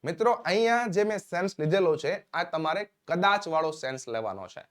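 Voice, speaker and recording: A man leads a spoken English lesson in a fairly high voice. He keeps things upbeat, cueing each new example and spelling out the English sentences slowly, word by word. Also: expressive. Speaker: English teacher.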